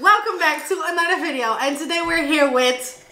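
A giggly Dutch woman in her twenties, a vlogger, chats casually with her sister while eating in a mukbang at home with family. Her high voice moves a little fast, and the echoey room adds background noise.

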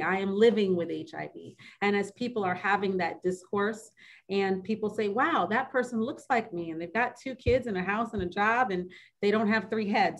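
A woman of middle pitch talks as a guest in a webinar interview. She is earnest and reflective, and she often pauses with "um" and restarts her sentences as she thinks. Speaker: public health physician, interview guest.

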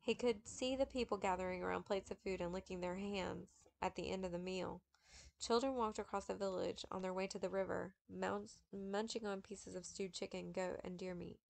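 A woman reading a memoir aloud in a steady, measured manner, with occasional slips. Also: mid-range voice, vocal fry. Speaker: audiobook reader.

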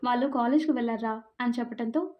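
High-voiced woman telling a story. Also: quick pace, highs cut off. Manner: gentle, addresses listeners directly as friends. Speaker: storyteller and channel host. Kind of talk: serial story narration.

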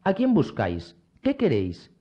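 A man reading aloud, voicing a bold, quick-tempered musketeer lieutenant in an audiobook. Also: a little high, wildly swooping pitch, dull audio, pitched above the performer's own voice. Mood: defiant. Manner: defiant, boastful, sharp-tongued.

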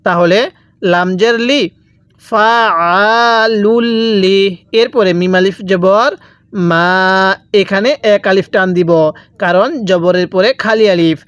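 Guy teaching quran reading step by step, bangladeshi bengali accent, drills letter by letter, smooth voice, no room echo. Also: high-pitched, a little slow, lo-fi sound. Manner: drills letter by letter, asks and answers own questions. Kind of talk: slow spelled-out recitation lesson.

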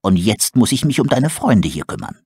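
A man doing a gruff, brisk owl. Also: fairly low pitch, sing-song, darkish tone, dry recording, studio quality, full character voice. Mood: gruff, coaxing. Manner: gruff and practical. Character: blunt, brisk male owl.

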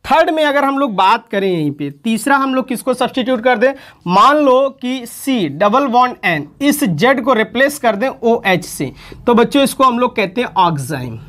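A woman's voice: fairly high pitch, big pitch swings, moderate pace, fairly bright tone. A woman chemistry teacher giving an online lesson, calling her students children and repeating each term for emphasis.

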